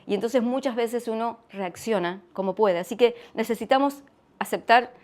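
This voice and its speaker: A woman's voice: a little high, darkish tone. Earnest Argentine woman giving a testimony. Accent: Argentine Spanish. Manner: reflective, earnest, with frequent pauses and restarts. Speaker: guest speaker sharing testimony. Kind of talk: church testimony talk.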